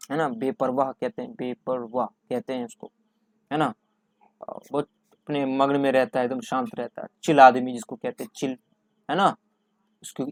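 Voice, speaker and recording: A man's voice: mid-range voice, no echo, clean studio sound. A male English teacher explains exam vocabulary, asking questions and answering them himself, repeating key words. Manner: repetitive, asks and answers his own questions.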